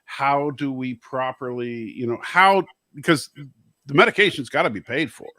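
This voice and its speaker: A man's voice: mid-range voice, expressive, normal speed, bright, forceful tone, no room sound, clean studio sound. Man hosting a casual talk show. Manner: reads out viewer comments, laughs often. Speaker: host. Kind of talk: casual chat.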